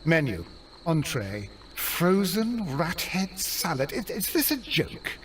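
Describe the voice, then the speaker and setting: A man's voice: a little high, very animated, slow, fairly bright tone, distant mic, a little hiss or hum, heavily acted. An actor playing a proper male doctor in a video game, fussy and squeamish.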